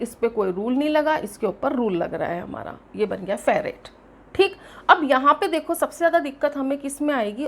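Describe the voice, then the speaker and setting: A woman's voice: a little high, a little hiss or hum. A woman chemistry teacher giving a classroom lecture step by step, asking questions and answering them herself. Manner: explains step by step with lively emphasis.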